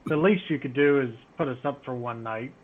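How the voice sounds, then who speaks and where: A man's voice: medium pitch, brisk. A man playing a tabletop roleplaying game, talking casually for his character. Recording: tinny phone-like voice link.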